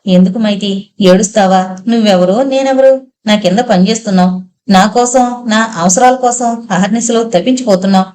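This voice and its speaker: A woman's voice: mid-range voice, normal speed, darkish tone, lightly acted. Woman voicing a raving, bitter young woman. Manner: bitter, wild outbursts.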